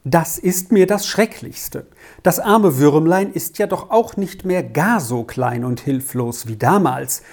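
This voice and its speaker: A flustered father, alarmed by every tear, as a woman reader puts him on, speaking in an agitated, exasperated rush. The reading keeps a mellow tone and lively, animated pitch in a storybook manner. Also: slow pace, heavily acted. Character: flustered middle-aged father, easily alarmed.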